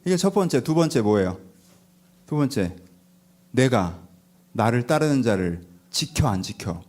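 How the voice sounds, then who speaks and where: A male pastor giving a lively, conversational sermon, telling the story with rhetorical questions and acting out the people in it. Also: mid-range voice, a little slow. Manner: animated storytelling, acts out disciples and Jesus, rhetorical questions. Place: church sanctuary.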